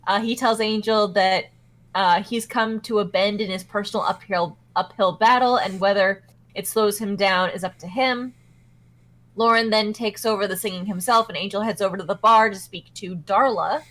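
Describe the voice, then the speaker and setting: A woman co-hosting a podcast recaps a TV episode casually, chatty and laughing often. Her voice is medium-pitched, steady, and fairly bright, at a normal speed.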